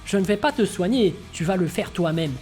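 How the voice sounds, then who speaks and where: A woman voicing an ancient godlike male mentor who lectures in a calm, stern, measured way. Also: medium pitch, faint music behind, natural voice. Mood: stern lecturing.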